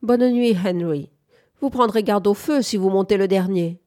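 A woman's voice: medium pitch, moderate pace, mellow, no room sound, clean studio sound, lightly acted. A woman reading aloud, voicing a nervous, fretful young woman in a plaintive, whining tone.

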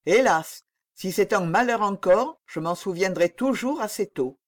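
Woman voicing a young lovesick king, impassioned, exclaiming, slow delivery, lively swooping pitch, audiobook. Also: close to an everyday voice. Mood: pleading. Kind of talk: audiobook reading.

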